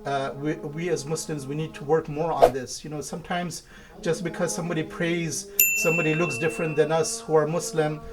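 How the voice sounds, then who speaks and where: Man from India, a mosque imam, somewhat high-voiced, steady and methodical in interview. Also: over loud music. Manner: measured, lists points one by one. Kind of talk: interview answers.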